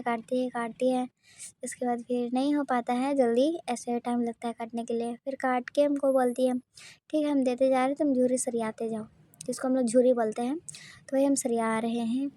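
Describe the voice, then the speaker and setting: A woman narrating her vlog in a casual voice-over, telling a simple story with hesitant pauses. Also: high voice, flat delivery, warm tone, dry recording. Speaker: vlogger.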